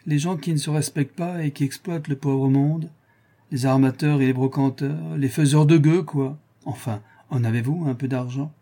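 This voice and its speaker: A man's voice: fairly high pitch, steady tone, normal speed, dark tone, voice pushed up. A man reading an audiobook, voicing a frank, superstitious sailor who talks bluntly and earnestly. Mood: scornful. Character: frank superstitious old-time male sailor.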